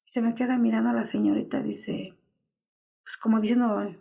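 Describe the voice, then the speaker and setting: Gravelly-voiced Mexican woman telling an anguished story. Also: a little high, big pitch swings, moderate pace, warm tone. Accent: Mexican Spanish. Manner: anguished storytelling that acts out the dialogue. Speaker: interviewee, mother of a missing man. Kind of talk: personal testimony in an interview.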